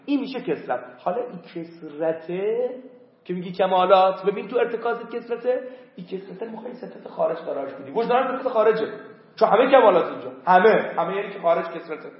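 A man's voice: high voice, animated. A man teaching a philosophy class, emphatic, repeating key words again and again to drill them into his students. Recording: echoey, dull lo-fi room recording.

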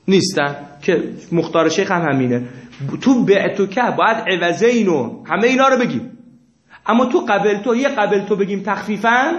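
Guy teaching a seminary class, kinda high voice, asks questions then answers them himself, roomy echo. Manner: explanatory, asks and answers his own questions; reads Arabic passages aloud. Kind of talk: lecturing on Islamic jurisprudence.

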